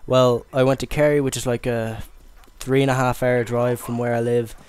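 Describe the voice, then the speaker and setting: A man's voice: medium pitch, little pitch movement, normal speed, a little mellow, smooth. A young man from Ireland giving casual commentary over gameplay, rambling and stammering with lots of fillers. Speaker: gaming commentator.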